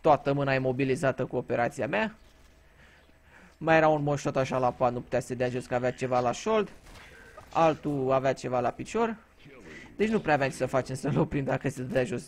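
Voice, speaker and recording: A man from Romania giving casual gameplay commentary, telling crude, joking stories and swearing freely. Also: mid-range voice. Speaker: gaming YouTuber.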